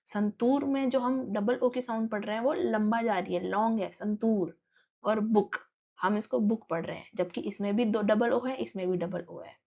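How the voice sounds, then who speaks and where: A woman teacher, explaining a textbook lesson and reading English lines slowly before she explains them. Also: medium pitch, steady tone, creaky, darkish tone, muffled recording.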